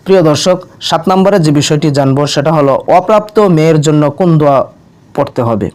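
Man, bangladeshi bengali accent, religious instructor, smooth resonant voice, fairly high pitch, measured instructional narration. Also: a little mellow. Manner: slow, measured chanting of prayers between plain explanations. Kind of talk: instructional video narration with recited prayers.

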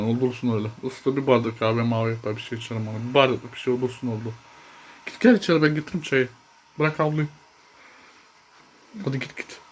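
A man's voice: medium pitch, slight background noise. Chatty teasing man vlogging at home. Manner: chatty and teasing, often laughing. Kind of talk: casual home vlog chat. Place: village house kitchen, indoors.

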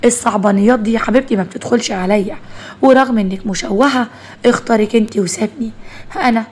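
A woman's voice: fairly high pitch, fast talker, husky. A woman with an Egyptian accent voicing a jealous young woman who mocks and jabs sharply in a storybook tale. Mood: spiteful. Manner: sharp, mocking.

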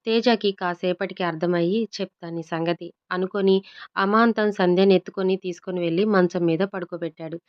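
A woman's voice: on the low side, steady tone, brisk, smooth. A woman storyteller reading a love story aloud and voicing every character herself in a plain voice. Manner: reads all the parts herself in a plain voice. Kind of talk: scripted narration of a love story. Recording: dull lo-fi recording.

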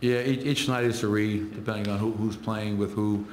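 A middle-aged head coach fields reporters' questions at a post-game press conference in an arena press room, reeling off stats in short, clipped phrases into table microphones. His voice is lowish and steady at a moderate pace, in an echoey room with slight background noise.

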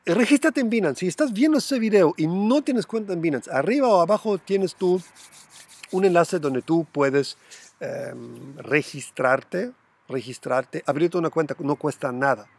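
Gravelly, husky man hosting a crypto vlog. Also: moderate pace. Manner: animated, mimics panicked buyers in high squeals. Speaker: crypto channel host. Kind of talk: casual direct-to-camera talk.

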